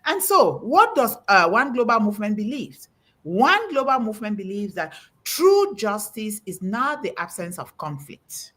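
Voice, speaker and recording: Hosting a panel talk, a middle-aged woman preaches emphatically, her scripture quotes building in emphasis. She speaks at a moderate pace in a mid-range, fairly bright voice with big swings in pitch.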